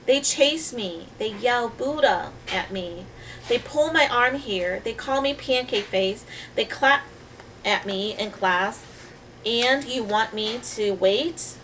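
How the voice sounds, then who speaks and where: A woman's voice: fairly high pitch, slow, a bit bright, recorded from a distance, slight background noise, low-quality recording. A woman reading aloud the lines of a young girl who is bullied at school and frustrated by it. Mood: upset.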